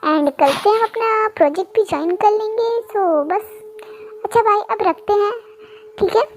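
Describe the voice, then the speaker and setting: A woman's voice: extremely high pitch, moderate pace, slight background noise. A woman playing a cocky, teasing young man. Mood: smug. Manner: teasing, mocking.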